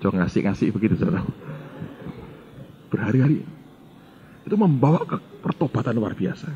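A man's voice: on the low side, big pitch swings, a little fast, dark tone, muffled recording, a little hiss or hum. A middle-aged male pastor, telling a story in a sermon and acting out the dialogue while addressing the congregation.

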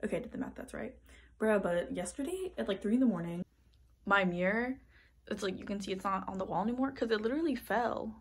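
A woman's voice: mid-range voice, fast, slightly rough. Chatty young college woman vlogging. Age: 20s. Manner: chatty, filler-heavy, upbeat. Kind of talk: casual vlog chat.

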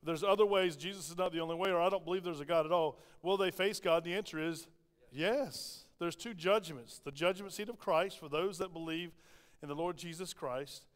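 A man's voice: a little high, brisk. A man with a Southern American accent, preaching a sermon in a church and asking the congregation plenty of rhetorical questions. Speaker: pastor. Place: church sanctuary. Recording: long reverb of a church hall.

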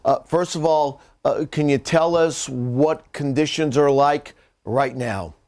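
A man's voice: fairly high pitch, slow pace, a little mellow. A man anchoring a weather newscast, putting questions in a live interview.

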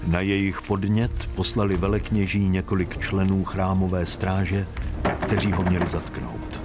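Deep-voiced male Bible narrator. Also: over music. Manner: steady, even storytelling. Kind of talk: scripted Bible story narration.

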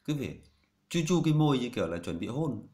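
A man's voice: medium pitch, big pitch swings, fast talker, a little mellow. A man teaching a casual language lesson, repeating each syllable after a recording and then explaining it plainly. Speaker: Chinese teacher.

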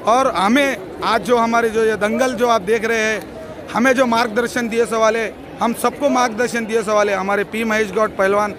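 A middle-aged man, a wrestling organizer giving a loud, pleading press statement into news mics, repeating phrases for emphasis. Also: sits high, steady tone, moderate pace. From Hyderabad, India. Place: outdoor stadium at night, wrestling crowd. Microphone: cluster of handheld news mics. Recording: outdoor event with loud crowd.

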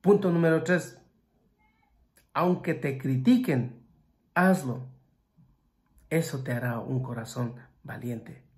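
A man preaching a sermon who swings between loud exclamations and hushed passages and asks his listeners direct questions. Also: medium pitch, slow pace, long pauses.

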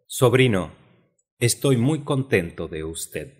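A man reading as a stern, imperious uncle who rules with a curt tongue, in an audiobook. The voice sits low and slow, with a husky grain. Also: lively intonation, exaggerated voice. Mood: pleased. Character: stern middle-aged male dictator uncle.

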